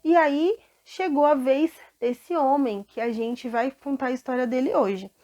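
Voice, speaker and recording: A woman's voice: high-pitched, unhurried. A woman with a Brazilian Portuguese accent, telling a Bible story to children and asking them questions. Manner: animated, asks children questions.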